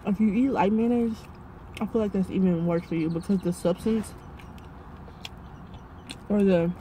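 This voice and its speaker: A woman's voice: mid-range voice, fairly even intonation, moderate pace, mellow, slight background noise. A young woman, casually rambling to her viewers while chewing food, full of fillers and "y'all". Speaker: vlogger. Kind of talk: casual mukbang vlog chat.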